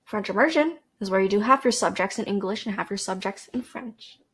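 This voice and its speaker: A woman's voice: mid-range voice, animated, fast talker, fairly bright tone, husky. Young canadian woman just rambling on her podcast, chatty, self-deprecating, lots of likes and restarts, desk mic. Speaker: podcast host. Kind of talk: casual rambling monologue. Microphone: desk microphone with a cord.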